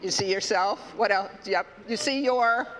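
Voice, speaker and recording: A man leading a children's story time at a worship service, playful and halting, stopping to ask the children questions. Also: sits high, a crowd in the background. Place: church sanctuary. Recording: echoey hall.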